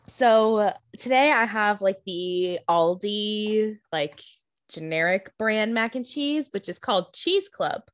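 A young woman chats on a casual podcast with a mid-pitched voice. She giggles often and rambles with fillers as she talks. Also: expressive, slow. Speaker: podcast co-host.

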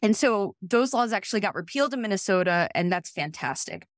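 Brief: woman, mid-pitched legal expert, conversational explainer, dry close mic. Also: lively intonation, brisk, dry recording. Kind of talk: podcast conversation.

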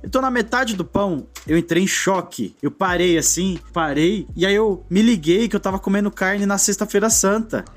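Brazilian man telling a story, fairly high voice. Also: moderate pace, few pauses. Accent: Brazilian Portuguese. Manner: reflective, often adds "né" and trails off. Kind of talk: casual conversational storytelling.

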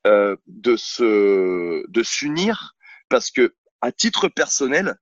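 A sports coach appears as a podcast guest, filming himself with a camera mic from his couch at home, and speaks bluntly and outspokenly in a casual interview full of hesitations and restarts. His lowish voice is very animated yet very slow, and the dry recording has its highs cut off.

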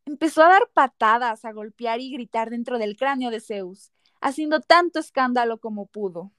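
A woman's voice: on the high side, animated, moderate pace, a bit bright, clear, resonant tone. A woman narrating a scripted story dramatically as a podcast narrator.

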